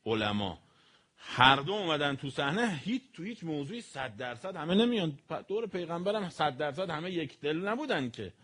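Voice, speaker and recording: Male preacher, fairly high voice, lively storyteller who jumps between loud and soft. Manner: animated storytelling with sudden loud and soft swings. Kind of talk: historical sermon to an audience.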